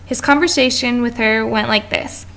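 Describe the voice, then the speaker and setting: A woman's voice: fairly high pitch, fairly even intonation, normal speed, gravelly, a bit bright. A woman reading a class presentation aloud from notes, with small stumbles and restarts. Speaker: student presenter.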